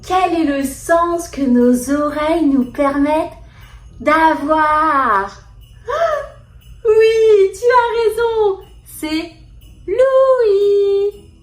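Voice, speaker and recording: Woman, children's host, very high-pitched, very slow, sing-song, roomy sound, soft music behind. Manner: sing-song, gushing exclamations, drawn-out words. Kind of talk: slow, exaggerated talk to toddlers.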